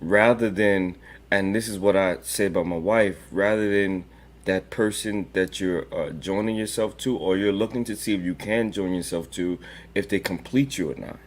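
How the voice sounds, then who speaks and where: A man's voice: deep voice, moderate pace. A young adult married man co-hosting a podcast in joking, emphatic casual chat. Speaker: podcast co-host.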